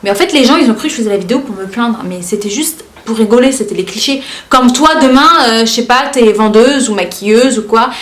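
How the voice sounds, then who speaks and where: A woman's voice: a little high, a little fast, hardly any pauses. A woman, a former flight attendant, vlogging casually and talking straight to her viewers with lots of fillers. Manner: animated, talks straight at the viewer with many fillers. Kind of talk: casual chatty vlog, reading out comments. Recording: roomy echo.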